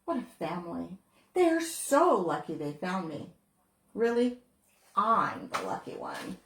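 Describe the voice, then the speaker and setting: A woman who is a children's book author, reading her picture book aloud in a playful, expressive way. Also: fairly low pitch, a little slow, creaky, a little hiss or hum. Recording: roomy echo.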